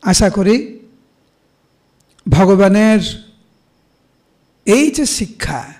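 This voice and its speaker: A middle-aged preacher with a Bengali accent and a rather high voice leads a devotional class. He moves between everyday examples and slow, chant-like verse recitation. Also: darkish tone. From India.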